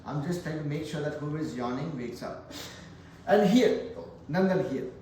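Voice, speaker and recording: A man's voice: on the high side, normal speed, dark tone, slight background noise. A man teaching a math class, mixing pep talk with dad jokes and talking straight to his students. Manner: joking, motivational, addresses class directly. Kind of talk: classroom lesson. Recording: echoey classroom from far off.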